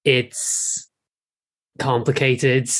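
A man's voice: medium pitch, flat delivery, drawn-out words, a bit bright. A man from Ireland with an Irish accent, talking informally as a guest in a casual film discussion, often saying "like". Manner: informal, peppered with "like". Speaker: podcast guest.

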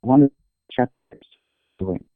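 A man, calling in from a phone line that keeps breaking up, telling his story in an earnest, unhurried way. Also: no echo. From Philippines. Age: 30s. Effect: choppy phone line breaking up. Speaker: caller. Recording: tinny dry phone line.

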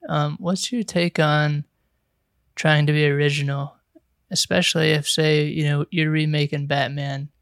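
Smooth, higher-voiced male podcast host. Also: level tone, measured pace, fairly bright tone, no room sound, studio quality. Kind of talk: casual podcast chat.

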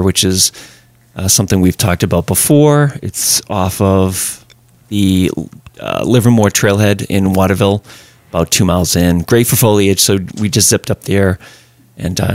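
A man's voice: deep voice, a little mellow, dry recording. A man hosting a podcast, chatting in an easygoing, storytelling way. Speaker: podcast host. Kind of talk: casual podcast chat.

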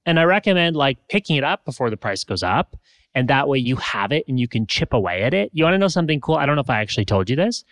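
Man, podcast co-host, playful, animated, mid-pitched, dry close mic. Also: no echo. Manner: playful, animated sales pitch with pet names. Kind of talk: casual podcast chat with ad read.

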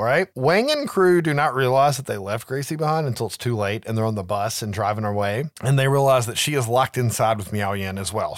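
A man's voice: mid-range voice, no room sound. A man recaps a film in loose, profane podcast chatter. He often checks in with a tossed-off "right?" as he goes. His voice sits close on a dry mic with no room sound. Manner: laid-back, swears, keeps adding "right?". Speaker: podcast host. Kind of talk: casual movie recap chat.

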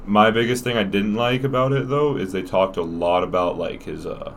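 A man's voice: lowish voice, moderate pace. A young American man co-hosting a casual podcast, chatting in bro slang with casual swearing. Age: young adult. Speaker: podcast co-host. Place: small podcast room. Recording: noisy room with background ambience.

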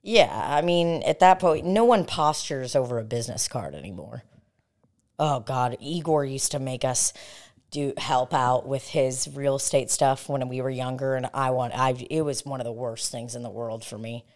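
A woman's voice: a bass voice, normal speed, a little mellow. A young woman co-hosting a podcast in casual, crude, joking chat from a hotel room, swearing freely. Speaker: podcast co-host.

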